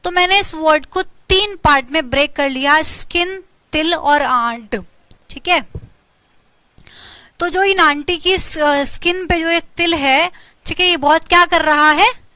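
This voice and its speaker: A high, bright-voiced Indian woman teaches English vocabulary in an online exam-prep class. Her throat is slightly sore, and she keeps repeating each word and asking students to say it back. The close recording sounds dry, with no room echo. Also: unhurried. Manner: repeats words, asks students to say them along.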